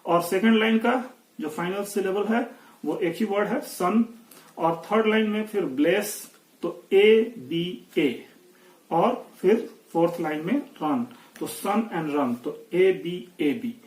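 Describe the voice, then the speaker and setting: A man with an Indian accent teaching poetry, explaining slowly and carefully in a lesson. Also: high-pitched, roomy sound, distant mic, poor audio. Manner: slow explanatory, reads verse aloud slowly. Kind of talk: Hindi-English poetry lesson.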